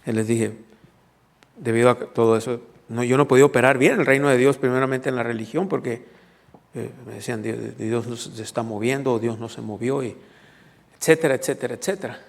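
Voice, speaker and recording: A man's voice: mid-range voice, fairly even intonation, a little fast, gravelly. A man preaching a teaching sermon. He explains scripture and keeps checking in with the congregation. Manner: teaching, asks the congregation questions. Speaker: pastor. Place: church hall. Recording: long reverb of a church hall.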